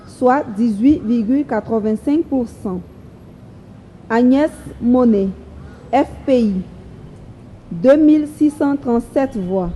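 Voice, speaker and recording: A woman reads out official election results in a formal, deliberate way. Her voice sits fairly high yet sounds mellow and soft-edged. She takes her time, spacing out each name and number very slowly. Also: slight background noise, poor audio. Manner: slow, measured, reads each figure deliberately.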